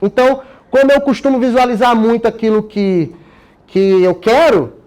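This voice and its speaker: This course participant, a Brazilian man with an extremely high, slightly mellow voice, shares his preparation method at a moderate pace. He talks casually and energetically with a Brazilian Portuguese accent, full of slang and tag questions.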